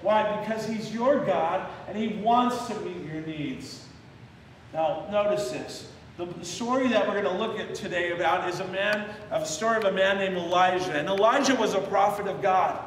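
A man's voice: high voice, moderate pace, fairly bright tone, a little hiss or hum. A male pastor preaching a sermon and leading the congregation in call-and-response on a memory verse. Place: church sanctuary. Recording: echoey church hall from a distance.

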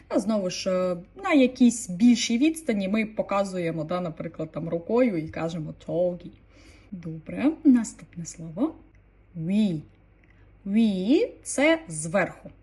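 A woman leads an online vocabulary lesson. Her voice is warm and low in brightness, with a soft husky edge. She explains calmly and repeats every new word. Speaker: language teacher.

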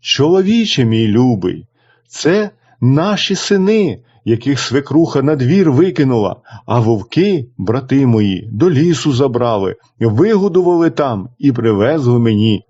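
A man voicing a gentle young wife speaking tenderly to her husband. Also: mid-range voice, sing-song, measured pace, no room sound. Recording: dull lo-fi recording.

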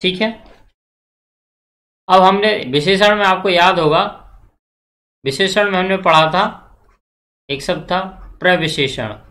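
This Hindi grammar teacher quizzes his class in an exam-prep lecture, speaking slowly with long pauses. His voice is high, bright and forceful. He repeats himself, poses questions to the students and answers them, and checks in with them often.

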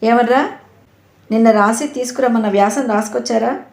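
A woman's voice: a little high, fairly quick, a little mellow, roomy sound, lightly acted. A woman voicing a stern, short-tempered schoolteacher who scolds her class sharply. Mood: scolding.

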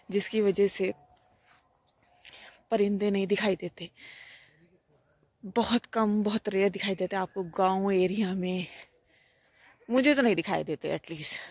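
A woman's voice: mid-range voice, no room sound. A woman in her thirties chatting to camera in a reflective, casual way while walking outdoors before dawn, phone held at arm's length. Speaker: vlogger. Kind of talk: casual vlog narration.

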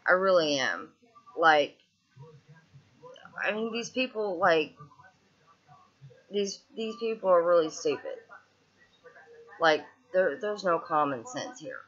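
A vlogger in her twenties with a Southern twang vents in a casual video diary, recorded on her laptop webcam while she sits on a couch in a small room. Her fairly low, slightly bright voice is expressive and slow, with frequent pauses, fillers, and restarts, and the audio sounds dull.

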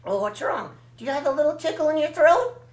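A man's voice: very high voice, animated, brisk, reverberant, pitched above the performer's own voice, low-quality recording. A man voicing a cheeky eight-year-old boy ventriloquist dummy who cracks rude little jokes. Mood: indignant.

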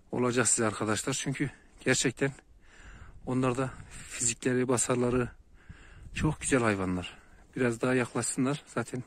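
A man filming his shepherd dogs outdoors by a flock, commenting to viewers and calling his dogs. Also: medium pitch. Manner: calls and soothes dogs, shouts sharply when they fight. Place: outdoors near a flock of sheep.

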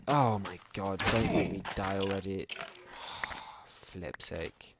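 Young man rambling over a game, low voice. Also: fairly even intonation, takes it slowly, background noise. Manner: rambling, mumbling asides. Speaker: gaming channel host. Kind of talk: casual let's play commentary.

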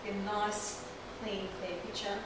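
A woman's voice: mid-range voice, level tone, a little slow. A woman in her forties, a trichologist, explains a technique step by step while working on a client in a small clinic room, recorded by a camera mic across the room. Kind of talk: hands-on instructional demonstration. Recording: roomy echo from a distant camera mic, clear background hiss.

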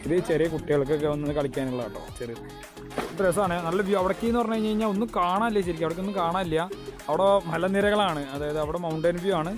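Speaking Malayalam with a Kerala accent and mixing in English words, a travel vlogger gives viewers casual, enthusiastic commentary. He talks fast at a fairly high pitch, repeats catchphrases of approval, and has music in the background.

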